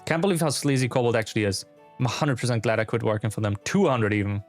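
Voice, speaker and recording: A man's voice: medium pitch, fast talker, voice pushed down, lightly acted. A man voicing an upbeat, chatty young technician and loyal best friend in a game, informal and reassuring, with music behind.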